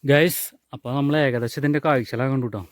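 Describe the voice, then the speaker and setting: A man's voice: mid-range voice, fairly even intonation, fast talker. A man with a northern Kerala Malabar accent, chatting casually as an exploration vlogger and dropping English words into his Malayalam. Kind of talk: casual exploration vlog talk. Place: outdoors on a hill and in a cave.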